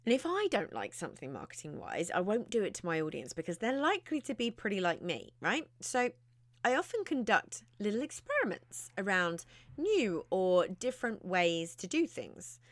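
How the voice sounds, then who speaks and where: A chatty woman hosts her own podcast, with a lively voice that swoops up and down as she speaks. Her recording is dry and close, with no room sound around it. She talks straight to the listener and leans hard on her key words. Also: mid-range voice, dry recording. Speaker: podcast host, success mentor. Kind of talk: podcast monologue.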